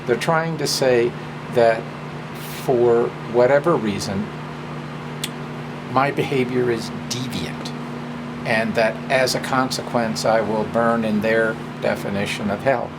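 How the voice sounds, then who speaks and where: This presenter and drag performer has a gravelly, medium-pitched voice and talks slowly while chatting personally and opening a story hour. A constant hum of background noise runs under the otherwise clear audio.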